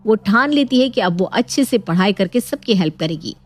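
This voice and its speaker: A woman narrating a cartoon bedtime story in a steady storytelling manner. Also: medium pitch, a little fast.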